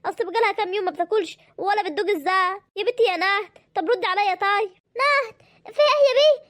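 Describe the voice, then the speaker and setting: A woman's voice: very high voice, racing, bright, forceful tone, no room sound. A woman with an Egyptian accent voicing an anxious middle-aged village mother in an amateur drama, pleading and fretting. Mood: panicked. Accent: Egyptian Arabic. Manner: fretful, pleading.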